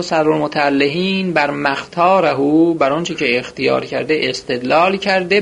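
A man's voice: on the high side, vocal fry. A man teaching a seminary-style philosophy lesson, reading short Arabic phrases and then explaining them in everyday speech, asking and answering his own questions.

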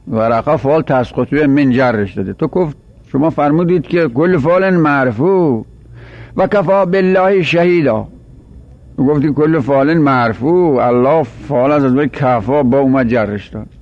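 A man's voice: a little high, no echo. Male seminary teacher, methodical lecture delivery with recited verses, muffled dry recording. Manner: explains step by step, recites Arabic verses. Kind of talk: classroom lecture.

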